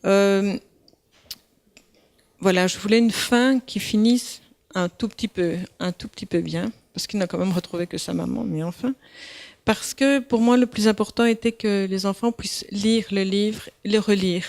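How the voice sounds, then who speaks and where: A woman's voice: medium pitch, moderate pace, gravelly, darkish tone. A woman, an author answering questions hesitantly. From Belgium. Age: 50s. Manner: hesitant, frequent "euh". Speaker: author and illustrator.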